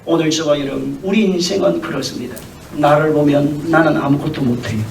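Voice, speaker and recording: A man's voice: on the high side, a little fast, vocal fry, a little mellow, far from the mic. A male pastor preaching a dramatic sermon in a church sanctuary, often asking questions of the congregation. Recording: echoey church hall, mic from afar.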